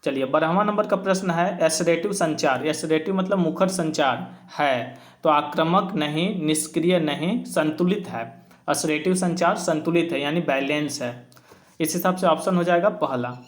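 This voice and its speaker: A man with a slightly raised voice talks through exam questions one by one. He explains patiently, weighing each option in a relaxed teaching tone. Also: fairly high pitch, moderate pace. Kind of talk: informal exam answer walkthrough.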